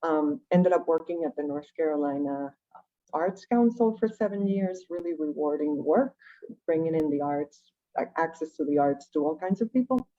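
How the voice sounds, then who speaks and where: Over dull, lo-fi call audio, a woman from Venezuela recounts her own story; she is a native Spanish speaker and an education nonprofit director appearing as a guest. Her deep, warm voice runs at normal speed. Reflective and conversational, she frequently checks in through rhetorical questions.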